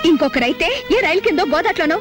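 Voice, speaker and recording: A woman's voice: very high-pitched, animated, quick pace, over music. A woman acting a fiery, outspoken young unmarried woman. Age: young adult. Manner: sharp, scolding. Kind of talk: 1980s Telugu film acting.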